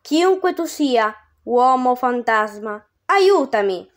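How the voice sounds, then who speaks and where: A woman voicing a lost young man, frightened and eager, who pleads in a high, breathless voice. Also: expressive, slow.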